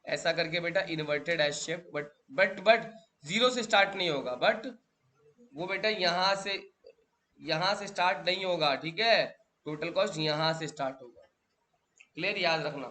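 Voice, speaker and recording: A man's voice: fairly high pitch, moderate pace, bright, forceful tone. A male teacher lecturing a class, drilling students with repeated questions and calling them beta.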